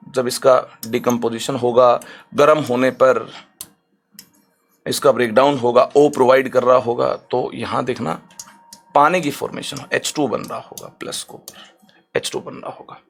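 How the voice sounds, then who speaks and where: A man teaching chemistry in an online lecture, lively and chatty, slowing down for careful English definitions and often checking in with his students. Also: medium pitch, creaky.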